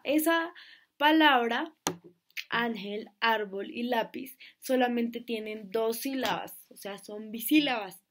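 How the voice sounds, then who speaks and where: Slow, patient woman teacher. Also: mid-range voice. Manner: slow, patient, repeats words and asks "¿listo?". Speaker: schoolteacher. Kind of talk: classroom lesson.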